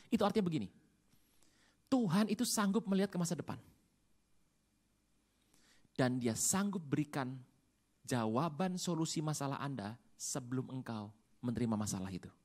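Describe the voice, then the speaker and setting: Animated, joking preacher. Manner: animated, joking, lots of rhetorical questions; swings from loud outbursts to hushed low asides. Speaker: pastor. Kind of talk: sermon.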